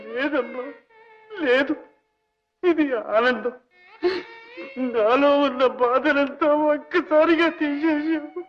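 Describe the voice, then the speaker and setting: A man's voice: high voice, expressive, a little slow, long pauses. An actor playing a destitute, broken old man who was once rich, speaking in a tearful, pleading, grieving way in an old film scene. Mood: tearful grateful. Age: older. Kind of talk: 1950s Telugu film acting. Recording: dull old film soundtrack, faint music.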